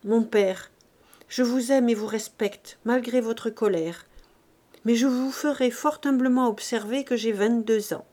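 A woman voicing a calm, defiant young daughter who answers coldly and firmly, in an audiobook reading. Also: a little high, measured pace, lightly acted. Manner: quiet, cold and firm.

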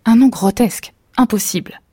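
A man's voice: high-pitched, steady tone, fast, a little mellow, slightly rough, dry recording, studio quality. A woman voicing a curt, scornful Martian husband. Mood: impatient. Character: impatient dismissive Martian husband.

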